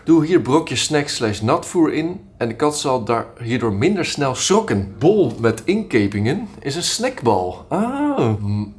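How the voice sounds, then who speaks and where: A man in his thirties chatting casually and playfully in a home vlog, recorded indoors on a nearby camera. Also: mid-range voice. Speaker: vlogger. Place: living room at home, indoors.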